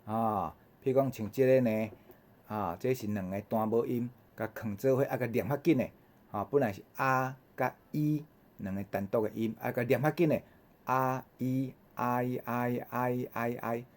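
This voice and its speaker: A man with a Taiwanese accent teaching vowel sounds in a recorded lesson, repeating each sound in slow drills with frequent "ha" fillers. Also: mid-range voice, a little mellow. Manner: habitual "ha" fillers between drills. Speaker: language teacher.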